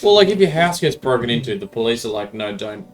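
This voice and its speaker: A man's voice: medium pitch, sing-song, fast, soft background music. A man talking casually as a tabletop game player, with questioning, tentative phrasing. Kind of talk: casual group discussion.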